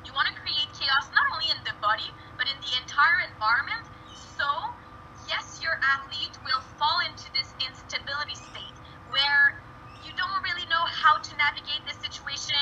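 A woman's voice: high-pitched, bright, forceful tone. A woman with a French accent, a native French speaker, giving a presentation earnestly, with frequent fillers and restarts. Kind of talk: prepared presentation talk. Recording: dull lo-fi recording with faint noise.

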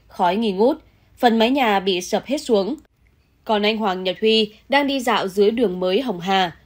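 A woman reads a scripted news report in an even, measured voice. Her pitch stays mid-range and her delivery is plain and steady. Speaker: news narrator.

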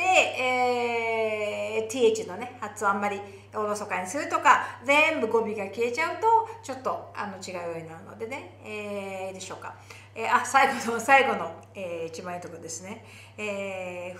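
A woman with a Japanese accent teaching English pronunciation for singing, slowly modeling lyric phrases between quick explanations. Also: on the high side, a bit bright, echoey room. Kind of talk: singing lesson with demonstrations.

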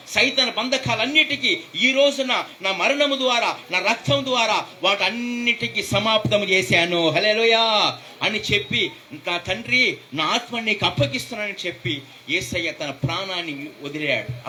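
A man's voice: high voice, bright, forceful tone, a little hiss or hum. A man preaching a fervent sermon as pastor, calling out hallelujahs throughout.

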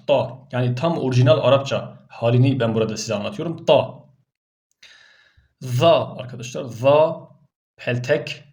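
A man's voice: mid-range voice, a little mellow. A man teaching Arabic letter sounds for Quran reading, repeating each sound aloud patiently.

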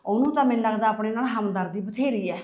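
Casting: woman as scheming, confiding mother, high voice, roomy echo. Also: fast, highs cut off, close to an everyday voice. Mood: coaxing. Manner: coaxing, confiding, calls him "putt". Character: scheming mother, coaxing her son.

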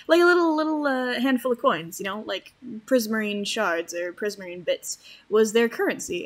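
A woman giving casual, rambling gameplay commentary, chatty and full of fillers. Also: medium pitch. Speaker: Minecraft let's-player.

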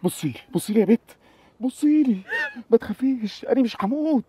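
A man's voice: extremely high pitch, lively intonation, fast, mellow, slightly rough, no room sound, exaggerated voice. An actor with an Egyptian accent playing a desperate young man who begs and pleads while tied up. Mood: pleading. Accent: Egyptian Arabic. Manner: urgent, pleading, emotional. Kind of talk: Egyptian TV drama acting.

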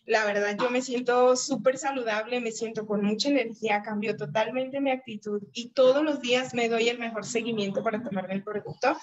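Speaking briskly with few pauses, a woman in her late thirties gives a chatty motivational training session by video call as a network marketing trainer. Her fairly high voice holds a steady tone, she often asks herself questions and answers them, and the audio is dull.

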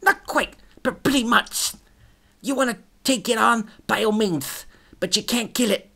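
A man's voice: very high-pitched, measured pace, pushed and bright, voice pushed up, exaggerated voice. A woman voicing a male shark demon thug who drawls and taunts in a put-on accent. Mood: nervous bragging.

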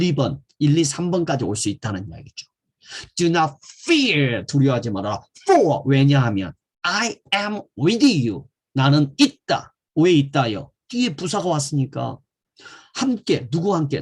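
A man's voice: mid-range voice, husky. Korean man teaching English grammar from scripture. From South Korea. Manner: animated, swings from loud stressed English words to soft encouragement; reads English phrases very slowly and deliberately. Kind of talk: Bible-based English grammar lesson.

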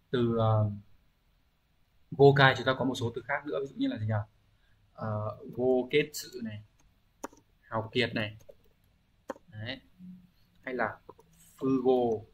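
A Japanese language teacher leads an exam-review lesson at an ordinary mid-level pitch, his voice a bit bright with the highs cut off. He explains patiently, keeps asking rhetorical check-in questions, and fills pauses with hesitant sounds while thinking aloud.

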